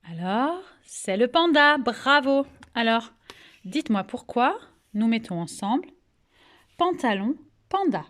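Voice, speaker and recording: Slow, patient French schoolteacher woman. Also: fairly high pitch, big pitch swings, a bit bright. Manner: slow, clearly articulated, patient, coaxing questions and praise. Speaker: kindergarten teacher. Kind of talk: remote phonics lesson for young children.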